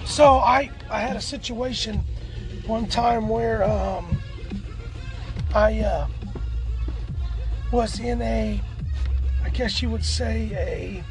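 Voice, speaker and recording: A man with a hoarse, cracking, strained voice, chatting casually as a podcast co-host in a laid-back, slangy way. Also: high voice, slow, long pauses, music in the background, low-quality recording. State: hoarse, lost his voice. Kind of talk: casual chat.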